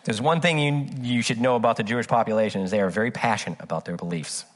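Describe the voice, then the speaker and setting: A man's voice: lowish voice, fast talker. A man preaching a conversational sermon, reading scripture aloud and telling personal stories with frequent "uh" fillers. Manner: earnest and chatty, with frequent "uh, uh" fillers; tells personal anecdotes with humor. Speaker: pastor.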